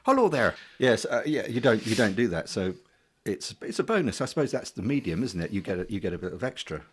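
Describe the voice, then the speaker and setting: A man from England hosting a casual chat, asking curious questions in a relaxed way. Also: on the low side, quick pace, a little hiss or hum.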